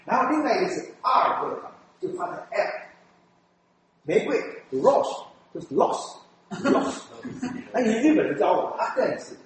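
Taiwanese guy, church elder telling stories, high voice jumping all over, laughs a lot, super echoey room. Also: a little fast, few pauses. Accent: Taiwanese Mandarin. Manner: animated, laughing often, mimics people and sounds. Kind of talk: storytelling talk. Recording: very echoey room with faint noise.

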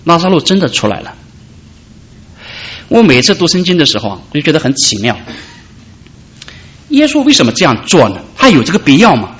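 A man preaching a sermon, calling out loudly at high points and dropping soft in between. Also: big pitch swings, a little fast, pauses often. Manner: preaching with dramatic rises and soft drops. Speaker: pastor.

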